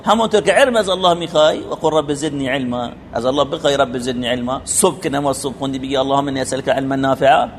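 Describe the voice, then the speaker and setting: A man's voice: on the high side, a little hiss or hum. Male religious teacher, rhetorical and earnest. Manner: rhetorical questions, recites Arabic quotes. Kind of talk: sermon-like lesson explaining a poem.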